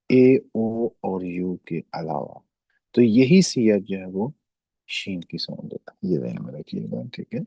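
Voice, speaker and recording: A low, gravelly male voice with a dark, husky tone talks students through German sounds. He explains patiently and repeats his points, and he keeps checking that everyone understood. The sound is dry and close. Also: no echo, rough recording. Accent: Pakistani. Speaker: German language teacher. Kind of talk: classroom lesson explanation.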